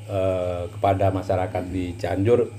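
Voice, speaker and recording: A man's voice: low voice, flat delivery, unhurried, dark tone, a little hiss or hum. A man hosting a casual podcast interview, agreeable and often answering with short affirmations and fillers. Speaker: podcast host.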